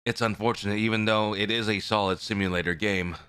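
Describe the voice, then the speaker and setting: A man's voice: lowish voice, fairly even intonation, fairly quick, bright, forceful tone, clear, resonant tone, no room sound. A man chatting casually on a livestream as the host, rambling and often repeating his phrases. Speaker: live streamer, VTuber host. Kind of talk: casual livestream chat with viewers.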